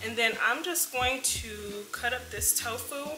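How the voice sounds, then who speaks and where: A woman's voice: a little high, unhurried, pushed and bright. A young woman in her twenties chatting casually to viewers while she cooks in her home kitchen, calling them y'all. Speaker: cooking vlogger. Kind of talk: casual cooking vlog chat. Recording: music bed under voice. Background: music and frying sizzle.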